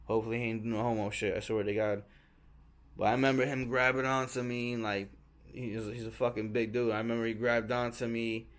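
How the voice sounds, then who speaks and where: A man's voice: medium pitch, fairly quick. A man casually retelling a travel mishap. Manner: rambling, animated retelling with acted quotes and swearing. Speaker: travel vlogger. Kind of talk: casual storytelling vlog. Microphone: small handheld camera.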